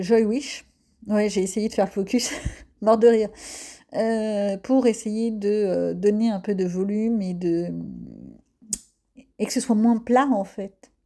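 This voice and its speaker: A woman with a mellow, warm tone narrates her coloring session like an art vlogger. She chats casually and teases herself along the way. Her speech is loose and hesitant, full of small fillers, at an ordinary middle pitch. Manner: chatty and self-mocking, with many hesitant fillers.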